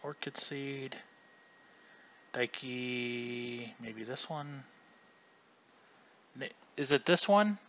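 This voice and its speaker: Bright-voiced man rambling on a livestream. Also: medium pitch, drawn-out words, pauses often, lo-fi sound, a little hiss or hum. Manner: chatty, rambling, often restarts mid-sentence. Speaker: livestream host. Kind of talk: casual livestream commentary.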